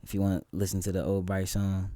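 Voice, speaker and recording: Here the same kind of speaker, a Bay Area man from California guesting as a musician, talks in loose conversation, relaxed and peppered with ums and false starts. His low voice comes quickly, recorded dry with studio quality.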